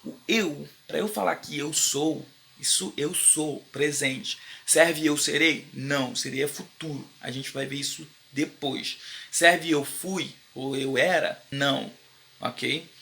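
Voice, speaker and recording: Brazilian male online English teacher; casual and slangy, bright gravelly voice, repeats phrases slowly for learners. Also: fairly high pitch. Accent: Brazilian Portuguese. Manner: slow, drawn-out repetition of English phrases for learners; informal, slangy Brazilian Portuguese with frequent "beleza?" check-ins.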